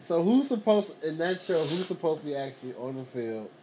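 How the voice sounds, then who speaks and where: Mellow-toned man joking in casual chat. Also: on the high side, big pitch swings, fairly quick, a little hiss or hum, rough recording. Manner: slangy, profane, asks prodding questions.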